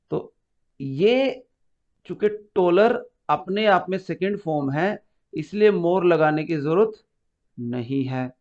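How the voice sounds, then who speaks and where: A man's voice: a little high, darkish tone. A man teaching an English grammar lesson to a class, explaining step by step and quizzing his students. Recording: muffled lo-fi recording.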